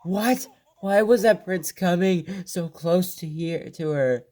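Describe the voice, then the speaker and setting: A gaming video host reads a game's story text aloud, frequently stumbling over words and rereading them, with casual reactions along the way. The voice is medium-pitched, slow and a little mellow.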